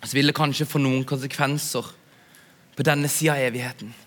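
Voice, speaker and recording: A young man preaching to a youth audience in a relaxed, chatty way, often asking his listeners to agree. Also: medium pitch. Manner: chatty, asks "ikke sant?" often. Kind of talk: sermon. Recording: long hall reverb.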